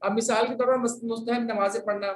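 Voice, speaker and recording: A man's voice: very high voice, level tone, fast talker. A man from Pakistan teaching a religious class, patiently asking rhetorical questions and answering them himself. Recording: roomy sound, distant from mic, faint hiss.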